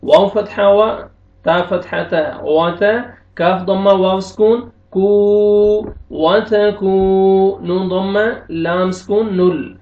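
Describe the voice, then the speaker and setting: A man teaching Quran recitation, slowly spelling out syllables and chanting them, then explaining pronunciation briskly. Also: high-pitched, fairly even intonation. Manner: slow drawn-out recitation alternating with brisk explanations. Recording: tinny phone-like audio, roomy echo, distant from mic.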